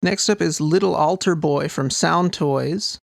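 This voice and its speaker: A man with a fairly high voice and noticeable vocal fry narrates a tutorial as a sound designer, unhurried and informal in his explanations. He sounds enthusiastic about his gear, and the audio is close-miked and very dry with no room sound.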